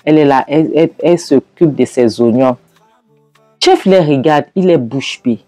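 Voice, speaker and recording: Storyteller narrating a movie scene by scene, lots of ums, mid pitch. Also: normal speed, warm tone, no echo, faint music behind. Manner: hesitant, with fillers and acted quotes. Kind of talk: retelling a film scene by scene.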